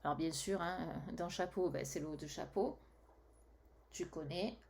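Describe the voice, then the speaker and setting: A woman teacher giving a slow dictation lesson to young children, reading the sentence word by word and adding spelling reminders. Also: fairly low pitch, vocal fry, a little mellow, breathy edge.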